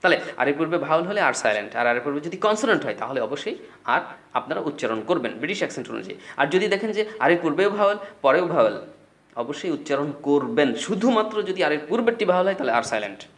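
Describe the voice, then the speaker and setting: A man's voice: on the high side, expressive, fast, fairly bright tone. A man teaching a spoken English lesson, explaining patiently and repeating words as drills.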